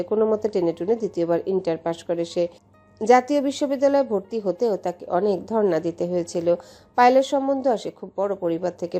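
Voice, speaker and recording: A woman from Bangladesh narrating a romance story in a steady, measured way. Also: medium pitch. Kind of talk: audiobook story reading.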